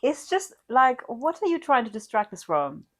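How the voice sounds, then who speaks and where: A woman's voice: high-pitched, very animated, moderate pace. A woman co-hosting a podcast in casual comedic chat, with a playful, giggly manner. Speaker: podcast co-host.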